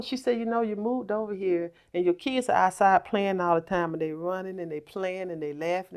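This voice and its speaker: Woman, middle-aged, lowish voice, animated storytelling, acts out voices. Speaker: podcast guest. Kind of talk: casual storytelling.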